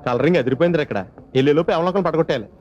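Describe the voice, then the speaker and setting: A man's voice: a little high, racing, dull audio, lightly acted. An actor playing a boastful show-off young man in a film comedy, bantering with his friends. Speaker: comic film character. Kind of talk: Telugu film comedy acting. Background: film background music.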